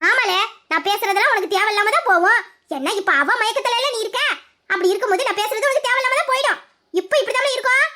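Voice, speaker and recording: A performer voicing a nagging, shrill middle-aged village mother, in an audio drama. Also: fast, pushed and bright. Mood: angry scolding.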